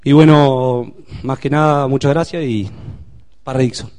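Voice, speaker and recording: A man's voice: medium pitch, fairly even intonation, unhurried, darkish tone. A man hosts an event, giving an informal, somewhat hesitant introduction. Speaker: event host introducing the speaker.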